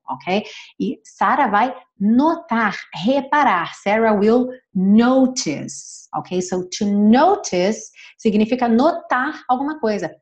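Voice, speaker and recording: A woman English teacher, a Portuguese speaker, switching between slow, careful model sentences and quick explanations. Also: mid-range voice, highs cut off. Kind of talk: bilingual English lesson.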